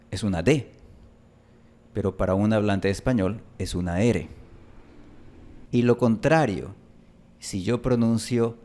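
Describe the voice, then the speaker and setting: Slow, low-voiced male teacher. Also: a little mellow. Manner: deliberate, repeats example words slowly for demonstration. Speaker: Spanish pronunciation teacher and channel host. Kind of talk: phonetics lesson.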